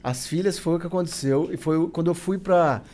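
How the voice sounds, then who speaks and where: A Brazilian man appears as an interview guest, telling personal stories casually and colloquially, packing them with quoted dialogue. His voice is fairly high with a dark tone, and he speaks fairly quickly.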